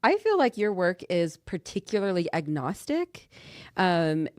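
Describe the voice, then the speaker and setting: A woman's voice: lowish voice, big pitch swings, a little slow, a little mellow, no echo, clean studio sound. A woman co-hosting a podcast in casual, teasing conversation. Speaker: podcast co-host. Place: studio.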